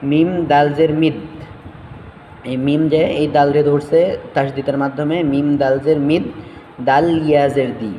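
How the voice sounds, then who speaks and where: A man teaching Quran recitation, spelling out letters syllable by syllable and chanting verses slowly between quick explanations. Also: a little high, fairly even intonation, dark tone, long reverb tail, slight background noise, low-quality recording.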